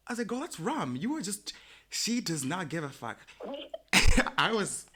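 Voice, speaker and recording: A man co-hosting a podcast in casual chat, who gets animated and jumps high in pitch when he quotes people. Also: a little slow. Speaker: podcast co-host.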